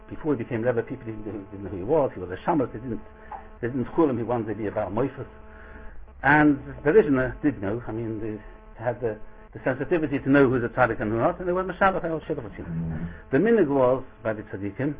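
Animated man with Yiddish accent, phone-like sound. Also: medium pitch. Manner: animated storytelling, repeats phrases and asks rhetorical questions. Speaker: rabbi giving a religious lecture. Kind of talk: informal Torah lecture with acted-out dialogue. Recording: thin, phone-like radio-quality audio.

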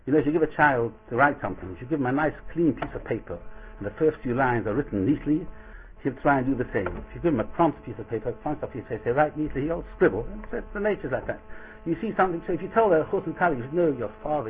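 A man with a Yiddish accent giving an informal Torah lecture as a rabbi, acting out dialogue and asking rhetorical questions in an animated storytelling way. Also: mid-range voice, quick pace, soft background music. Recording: thin, phone-like radio-quality audio.

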